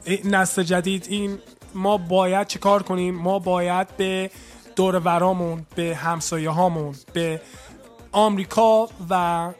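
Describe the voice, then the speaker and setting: A man from Iran hosts a call-in radio program, speaking. He talks in a loose, chatty way and keeps slipping English phrases into what he says. His voice sits high for a man, and faint music plays behind him. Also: little pitch movement. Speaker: radio show host.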